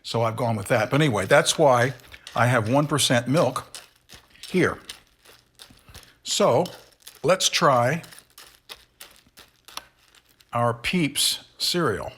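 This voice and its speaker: A middle-aged man hosts a relaxed candy review on his own, wandering off topic and stopping to correct himself. His voice is husky and a little breathy, and it sits at an ordinary pitch for a man. He chews and talks at the same time. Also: takes it slowly, pauses often. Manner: rambling, self-correcting, talks while chewing. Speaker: candy reviewer, show host. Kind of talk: casual solo review.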